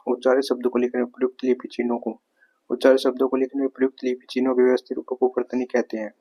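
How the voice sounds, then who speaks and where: Male teacher, Haryanvi-tinged, monotone, runs through exam questions methodically, repeats each answer. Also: mid-range voice, rapid-fire, slightly rough, highs cut off. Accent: Haryanvi-tinged Hindi. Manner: explains step by step, repeats answers, asks rhetorical questions. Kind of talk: exam prep grammar lesson.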